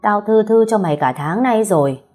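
A woman's voice: medium pitch, lively intonation, moderate pace, soft background music, voice pushed up, lightly acted. Woman doing a brutal male debt collector. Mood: menacing. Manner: loud, threatening, rude. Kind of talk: audiobook storytelling.

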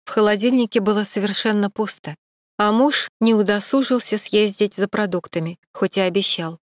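Reading a novel as an audiobook narrator, a woman keeps a steady, measured storytelling pace with a medium-pitched voice. There's no room sound, and the quality is that of a studio.

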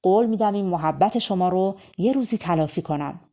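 A woman's voice: fairly low pitch, warm tone, lightly acted. A woman voicing wild birds in a storybook, pleading earnestly for their chicks.

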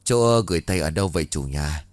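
A man voices a calm, authoritative exorcist master in a spoken ghost tale, giving orders plainly. His voice sits low and is dry and close. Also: a little fast, dry recording. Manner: calm, commanding.

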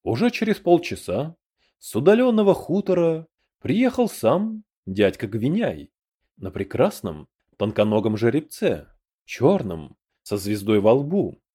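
A man reads a fantasy audiobook aloud in a mellow, dark-toned voice. His pitch moves a lot as he tells the story, and he shifts into a different voice for each character. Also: measured pace, husky. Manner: lively storytelling, voicing each character in turn. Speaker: audiobook narrator. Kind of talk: scripted narration of a fantasy audiobook.

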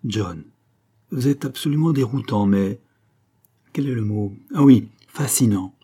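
A man's voice: on the low side, unhurried, mellow, husky. A man reading an audiobook and voicing a flirtatious, elegant blonde woman with an accent in a playful, teasing, lightly raised voice. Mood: amused.

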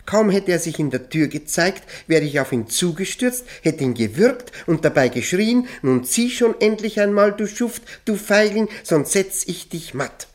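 A man with a high, animated voice acts in a German radio play as a haunted Austrian lawyer once held by the Gestapo, courteous and nervous. Speaking at a moderate pace with few pauses, he narrates confidingly and reflectively, hesitant and formally polite.

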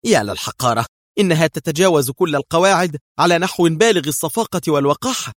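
A man voicing a furious, sharp-tongued female national security adviser in an audiobook. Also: fairly high pitch, lively intonation, fast, no room sound, clean studio sound, voice pushed up. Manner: sharp, angry. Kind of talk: audiobook character voice.

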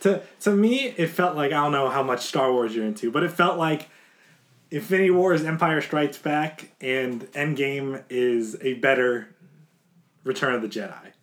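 A man's voice: mid-range voice, moderate pace, a bit bright. A young man hosting a casual podcast, insistent and argumentative as he debates with friends. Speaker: podcast host.

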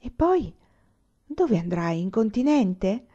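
A woman's voice: medium pitch, big pitch swings, takes it slowly, warm tone, pitched above the performer's own voice. A woman voicing a shy, simple young shepherd boy who speaks timidly and earnestly, in a storybook reading. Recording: slightly muffled recording.

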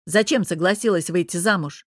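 A woman's voice: lowish voice, fairly quick, breathy edge, dry recording, clean studio sound. A woman doing a growling, jealous young husband. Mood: angry shouting. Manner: growling, barking, hissing through teeth. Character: angry domineering jealous young businessman husband.

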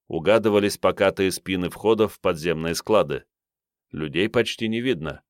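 Низкий мужской голос чтеца аудиокниги. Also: male voice, low-pitched, clean tone, no echo, studio quality. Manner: steady, measured reading. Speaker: audiobook narrator. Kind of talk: scripted narration.

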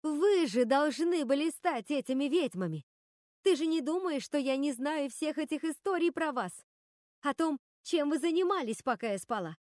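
A woman's voice: fairly high pitch, moderate pace, no echo, clean studio sound, natural voice. A woman voicing Gothel, a hurt and angry witch who accuses her sisters. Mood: furious. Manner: pleading, accusing, tearful.

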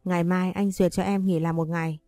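A woman's voice: fairly low pitch, little pitch movement, brisk, dark tone, no room sound, studio quality, lightly acted. A woman voicing a teasing, confident young husband in a spoken story. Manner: playful, teasing.

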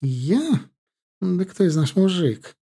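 A man's voice: high-pitched, sing-song, slow pace, breathy edge, pitched above the performer's own voice, full character voice. A man voicing an irritable, reproachful middle-aged mother who runs a kindergarten, in an audiobook. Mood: indignant. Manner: sharp, reproachful, indignant. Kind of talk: audiobook character voice.

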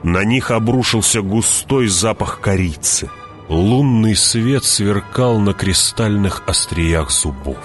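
A man narrating an audiobook in a measured, dramatic way, dropping his voice and slowing down at tense moments. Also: lively intonation, soft background music. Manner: measured, drops voice low and slows on tense moments.

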